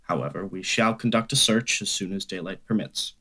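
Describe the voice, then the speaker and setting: A man playing a learned, calmly dismissive astronomy professor in an old-time radio drama, with a formal, precise manner. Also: low voice, fairly quick.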